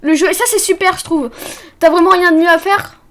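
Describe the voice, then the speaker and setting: A woman's voice: extremely high pitch, steady tone, a little fast, a bit bright. A young woman streaming a video game, chatting casually with her viewers in a bubbly, scattered way, often restarting her sentences. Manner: chatty and bubbly, restarts a lot, talks to chat. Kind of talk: casual let's-play commentary.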